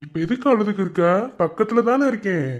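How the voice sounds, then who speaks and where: A man voicing a steady, loving young army husband in a cartoon, speaking in Madurai Tamil with a gentle, coaxing manner. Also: high voice, fast talker, muffled recording. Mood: tender. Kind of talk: cartoon voice acting.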